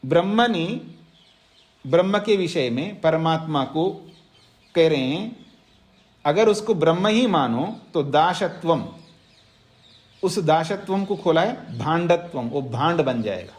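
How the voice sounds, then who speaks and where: A man's voice: on the high side, animated. A man teaching a scripture class, reciting Sanskrit verses and explaining them line by line, repeating phrases so students can write them down. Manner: slow, repeats phrases for dictation. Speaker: Vedanta teacher. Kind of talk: scripture lecture. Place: ashram class.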